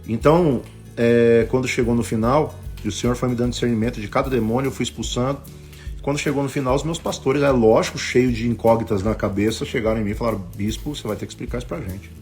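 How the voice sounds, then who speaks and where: Man, Brazilian Portuguese accent, bishop, live-stream sermon, animated storytelling, middle pitch, soft music underneath. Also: fast talker. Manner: animated, swings between loud bursts and hushed asides; acts out quoted voices in his stories. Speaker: bishop and preacher.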